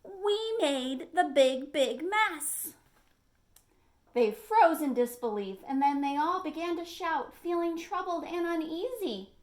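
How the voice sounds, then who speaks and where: A librarian reads a picture book aloud to young children, her high, expressive voice moving slowly through an animated storytime. She draws the little listeners in with questions as she goes.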